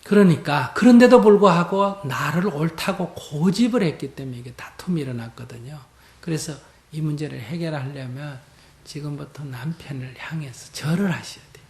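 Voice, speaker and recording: A Buddhist monk gives a dharma talk. He is animated, swings from loud emphasis to hushed near-whispers, and asks the audience rhetorical questions. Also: a little high, normal speed, a little hiss or hum. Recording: roomy hall echo.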